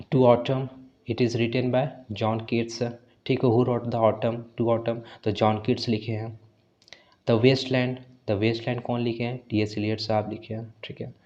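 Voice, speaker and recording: A male teacher explains exam questions on English literature, mixing Hindi with slowly read English lines and often saying "ठीक है". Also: mid-range voice, darkish tone, highs cut off. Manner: mixes Hindi with English, reading English phrases slowly; repeats "ठीक है" as a filler. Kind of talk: exam-prep lesson.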